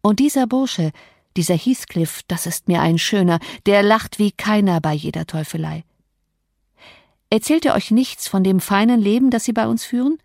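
A woman reader puts on a gruff old male servant for an audiobook. He grumbles in coarse, scornful folk speech. The sound is dry and close. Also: mid-range voice, animated, moderate pace, darkish tone, dry recording.

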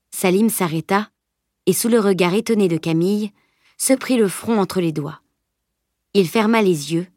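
A woman reading a children's fantasy novel aloud as a steady audiobook narrator. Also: fairly low pitch, no echo, studio quality. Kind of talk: scripted narration.

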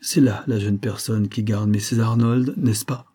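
A man voicing a stout, pompous army major who speaks with slow, false tenderness. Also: lowish voice, fairly even intonation, warm tone, breathy edge. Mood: coaxing. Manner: slow, coaxing, condescending.

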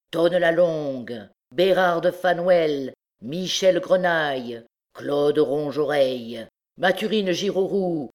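A woman's voice: low-pitched, lightly acted. Woman narrator voicing a brutal, bellowing male thief king for an audiobook. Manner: loud, bellowing commands.

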